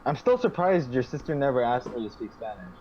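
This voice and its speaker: A man's voice: medium pitch, very animated, fairly quick, darkish tone, slight background noise. A man co-hosting a casual podcast, laughing a lot and hesitating with fillers. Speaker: podcast co-host. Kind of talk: casual chat. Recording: dull lo-fi mic.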